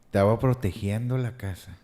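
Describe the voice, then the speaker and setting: A woman's voice: a bass voice, moderate pace, dark tone. A woman hosting a podcast, asking short curious questions in a casual interview.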